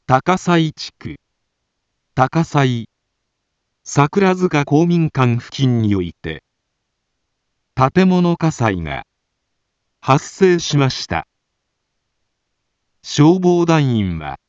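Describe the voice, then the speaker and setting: A man making a municipal disaster alert over an outdoor public loudspeaker, in slow, deliberate, evenly spaced phrases. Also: on the high side, no room sound, dull audio. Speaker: municipal emergency announcer.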